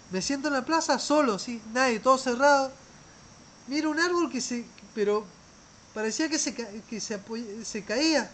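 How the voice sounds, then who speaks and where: A man's voice: very high voice, a bit bright, a little hiss or hum, low-quality recording. A man tells travel stories casually, rambling, often restarting words and trailing off. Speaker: traveler telling a story.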